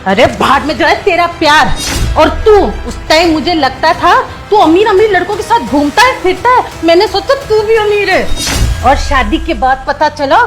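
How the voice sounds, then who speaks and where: A woman's voice: very high-pitched, expressive, normal speed, faint music behind. A woman playing a cruel, scornful wife who taunts her husband, in melodramatic short-video acting. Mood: taunting. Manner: taunting, mocking.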